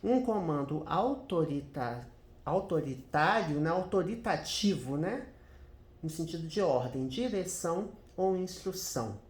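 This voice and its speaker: A Brazilian man walks viewers through an English grammar lesson in a chatty teaching voice. His pitch swings up and down, and he keeps checking in with them as he goes. The recording has a noticeable roomy echo. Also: expressive, measured pace. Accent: Brazilian Portuguese. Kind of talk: screen-share grammar lesson.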